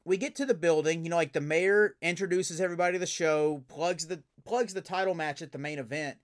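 A man, a professional wrestler, telling stories as a guest in a casual interview, animated and full of fillers and restarts. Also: fairly high pitch, fairly quick.

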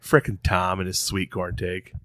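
A male podcast co-host with a lowish, bright, forward voice. He chats easily, laughs often and gets heated when telling a story. The recording is dry and close. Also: flat delivery, normal speed, no room sound. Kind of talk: casual chat.

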